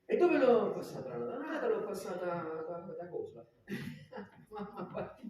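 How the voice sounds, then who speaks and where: A man's voice: sits high, sing-song, a little slow, a little mellow. Man acting a flustered Neapolitan doctor, echoey stage. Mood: nervous, evasive. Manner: stammering, repeating words as he makes excuses. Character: flustered philandering male doctor, evasive and exasperated. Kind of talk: Neapolitan dialect stage farce. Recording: echoey stage, distant mic, faint noise.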